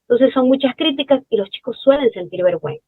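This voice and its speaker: A woman's voice: high-pitched, animated, fast, dry recording. Woman host over a tinny line. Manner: conversational, poses questions with asides. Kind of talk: interview hosting.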